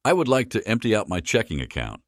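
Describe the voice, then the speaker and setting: A man reading an audiobook, voicing a blunt male bank customer who speaks gruffly and dismissively. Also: fairly low pitch, huge pitch swings, fast, fairly bright tone, no echo, clean studio sound, voice pushed up, full character voice. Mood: exasperated.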